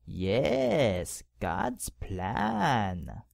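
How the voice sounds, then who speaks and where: An actor playing a power-hungry cardinal who talks to the pope in a condescending, mock-polite way in an audio drama. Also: male voice, on the low side, huge pitch swings, extremely slow, creaky, darkish tone, dry recording, studio quality, full character voice. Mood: sneering.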